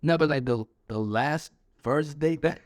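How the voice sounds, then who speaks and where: Young man, slightly high voice, dry close sound, animated slangy storytelling, podcast co-host. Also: unhurried, no room sound. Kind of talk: casual chat.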